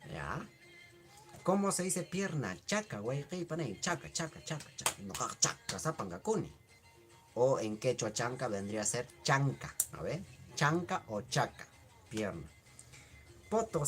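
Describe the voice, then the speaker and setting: Male language teacher, unhurried and melodic, in a casual live class. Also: mid-range voice, fairly bright tone. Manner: repeats words slowly, answers chat questions. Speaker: Quechua teacher.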